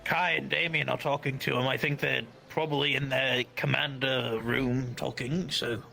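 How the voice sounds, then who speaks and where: A man's voice: mid-range voice, steady tone, normal speed, gravelly, music in the background. A man playing a tabletop game, chatting bluntly and swearing freely. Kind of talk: casual game chat.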